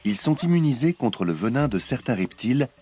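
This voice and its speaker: A man delivering scripted nature documentary narration in a measured, expository storytelling way. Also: mid-range voice, big pitch swings. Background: music.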